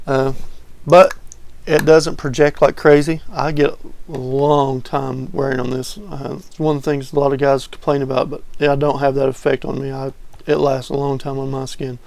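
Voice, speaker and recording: A man talking casually to camera as a fragrance reviewer, relaxed and rambling with many fillers. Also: mid-range voice, moderate pace, vocal fry, hardly any pauses.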